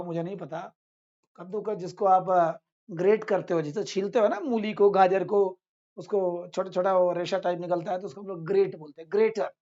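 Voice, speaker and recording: A man's voice: sits high, a little mellow. This is a man teaching a casual vocabulary lesson, saying each word and its meaning over and over and calling his students friends. The sound is a bit dull and lo-fi. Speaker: English teacher.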